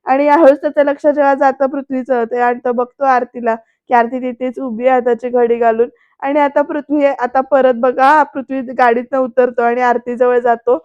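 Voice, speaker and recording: A woman narrates a recap of a TV serial episode and talks straight to her viewers. Her voice is high and stays fairly level. The voice-over is dry and sounds a little dull and lo-fi. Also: level tone, normal speed, clear, resonant tone, no echo. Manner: chatty, addresses the viewers directly.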